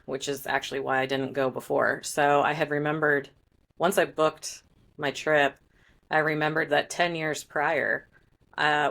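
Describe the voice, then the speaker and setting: A woman's voice: low-pitched, creaky, fairly bright tone. A woman guest on a podcast, an author, chatting casually with frequent laughs and fillers.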